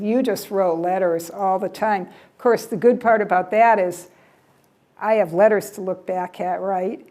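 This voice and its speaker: This older American woman's voice is medium-pitched with a darkish tone as she gives a casual, chatty travel presentation in a library event room, taking questions from the audience. She repeats words and tends to trail off with "yeah".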